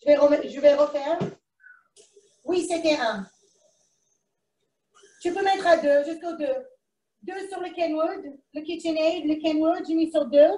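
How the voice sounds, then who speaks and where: High-voiced woman chatting through a cooking demo. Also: measured pace, pauses often, warm tone, echoey room, recorded from a distance. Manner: chatty, talks to herself while cooking; speaks French with a foreign accent. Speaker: cooking show presenter. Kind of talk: live online cooking demonstration. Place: kitchen, indoors.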